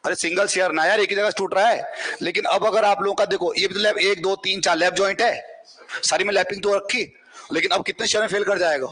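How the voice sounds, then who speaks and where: Man, exam-prep teacher, husky voice, high pitch, keeps asking the class questions. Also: steady tone, fairly quick, sharp tone. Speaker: civil engineering teacher.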